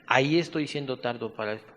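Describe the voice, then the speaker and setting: Mexican male Bible teacher, unhurried dictation with chatty asides, medium voice, reverberant hall. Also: mid-range voice, fairly bright tone. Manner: slow, spelled-out dictation mixed with conversational asides. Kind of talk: Bible study lesson, dictating notes.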